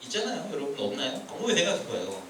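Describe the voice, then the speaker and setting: A man preaching a sermon to high-schoolers in a casual, conversational way, asking them questions and acting out complaining voices. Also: huge pitch swings, racing, background noise. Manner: conversational, asks the students questions; acts out complaining voices, shifting loud and soft. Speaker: youth pastor. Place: church hall. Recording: echoey room from far off.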